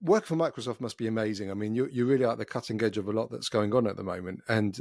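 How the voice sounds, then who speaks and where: A man's voice: on the low side, quick pace, gravelly, a little mellow, dry recording, studio quality. A middle-aged man hosting a podcast interview, chatty and friendly with a self-deprecating streak. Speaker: podcast host. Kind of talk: casual interview chat.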